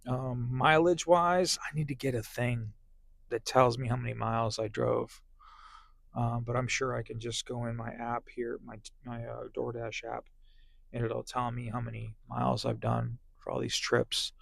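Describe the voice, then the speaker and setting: A man with a gravelly, fry-laced voice talks casually from inside his parked car. He rambles along with plenty of ums and restarts. The sound is close and dry on a small clip-on mic. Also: medium pitch, level tone, normal speed, a bit bright, no room sound. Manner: rambling, filler-heavy talk. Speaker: delivery driver vlogger. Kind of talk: casual vlog chat. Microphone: small clip-on phone microphone.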